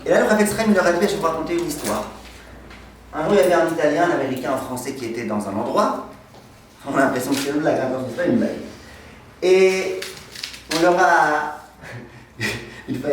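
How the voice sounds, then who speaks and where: A man teaching a lively, humorous class as a rabbi, asking the students questions and answering them himself as he tells anecdotes. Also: on the high side, fast, long pauses, slight background noise. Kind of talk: lively Torah lesson with humor. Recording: echoey room, mic far off.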